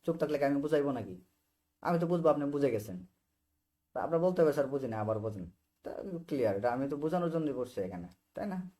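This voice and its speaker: A man's voice: fairly high pitch, very animated, fast talker, mellow. Bangladeshi man teaching English online. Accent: Bangladeshi Bengali. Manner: explains by repeating short phrases, checks understanding often. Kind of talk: online spoken English class. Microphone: video call.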